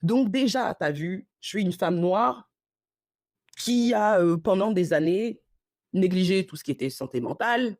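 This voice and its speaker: A woman hosting a casual storytelling podcast, animated and slangy, acting out the dialogue as she tells it. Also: medium pitch, a little slow, no room sound, clean studio sound. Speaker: podcast host.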